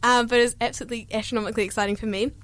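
A bubbly young woman with a New Zealand accent chats and giggles on a youth radio show. Her voice sits high and bright in pitch. She talks freely at a studio mic. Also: little pitch movement, racing, no echo. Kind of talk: casual radio chat.

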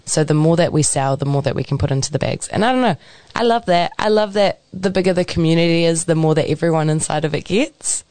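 A young woman with a New Zealand accent chats on community radio, bubbly and full of laughter. Her voice sits a little low for a woman, and the recording is dry and close, with little room sound. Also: fast talker, darkish tone, clean tone, no echo. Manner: bubbly, laughs often, chatty with fillers. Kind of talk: casual radio chat. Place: community centre studio.

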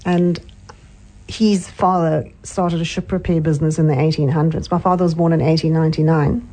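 An older South African woman appears as a guest in a casual interview, reminiscing and offering soft hums of agreement. Her low voice is steady and fairly quick. The audio quality is poor.

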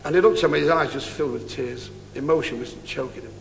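A comedian giving a stand-up monologue, telling a mock-sentimental story in flowery, overblown phrasing. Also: male voice, a little high, quick pace, creaky. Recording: reverberant live hall, loud noise, audience laughter.

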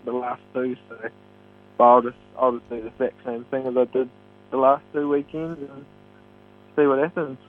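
A man's voice: medium pitch, little pitch movement, moderate pace, soft background music. A man with a Kiwi accent giving a casual interview as a racing driver, hesitant and modest, over a phone. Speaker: stock car driver being interviewed. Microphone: phone call. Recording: tinny phone line with hum.

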